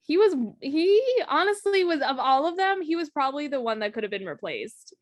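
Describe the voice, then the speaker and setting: A woman's voice: high voice, big pitch swings, fairly quick, no echo. A young woman co-hosting a film podcast in casual chat, reacting emphatically. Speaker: podcast co-host.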